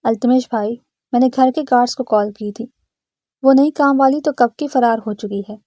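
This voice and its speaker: A woman's voice: a little high, warm tone, no room sound, clean studio sound, natural voice. A woman voicing a worried young sister who asks concerned questions.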